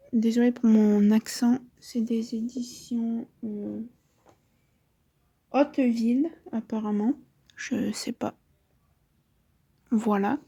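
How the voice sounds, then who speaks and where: A woman's voice: fairly high pitch, mellow, slightly rough. A woman in her twenties chatting casually about books she bought, rambling with chatty asides and frequent self-corrections. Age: 20s. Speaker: book vlogger. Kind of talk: casual book haul chat.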